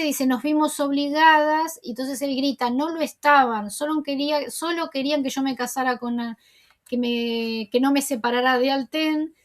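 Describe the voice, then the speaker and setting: A woman host casually retelling a TV episode, chatty and conversational, with frequent asides. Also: high-pitched. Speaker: TV series recap host.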